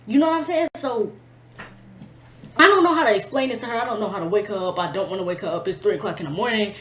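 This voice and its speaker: A woman's voice: medium pitch, fast talker, a bit bright. Profane woman telling a storytime vlog. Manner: blunt, profane, emotional retelling with slang. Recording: echoey room.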